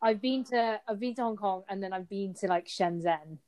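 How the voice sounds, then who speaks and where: A woman hosting a podcast, asking questions in a relaxed, friendly chat over an audio call. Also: mid-range voice, moderate pace, crowd noise. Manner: friendly, laughs often. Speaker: podcast host. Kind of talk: casual interview chat. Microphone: remote audio call.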